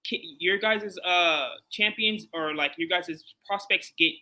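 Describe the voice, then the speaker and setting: Guesting on a boxing interview, a man from Chicago speaks in a high voice at a slow pace, heard on a rough recording. He's casual and animated, restarting, repeating himself, and using many fillers.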